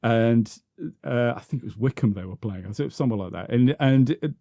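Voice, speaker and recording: A man's voice: mid-range voice, fairly quick, gravelly, mellow, dry recording, studio quality. A man, reminiscing as a podcast guest, full of restarts and repeated words. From South London, England. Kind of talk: reminiscing conversational interview.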